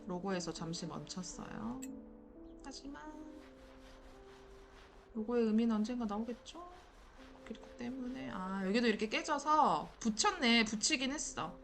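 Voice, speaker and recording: Woman streamer mumbling thru a cleaning game, bit high voice, soft music behind. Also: expressive, a little slow. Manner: chatty, muttering to herself as she plays. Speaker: gameplay streamer. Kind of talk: casual gameplay commentary.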